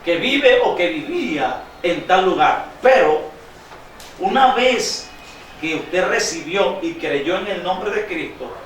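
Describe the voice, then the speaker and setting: A man preaching a sermon, quizzing his congregation with call-and-response questions and reading scripture slowly with emphasis. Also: high-pitched, lively intonation, a bit bright, slight background noise. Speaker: pastor. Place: church sanctuary. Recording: very echoey church hall, distant mic.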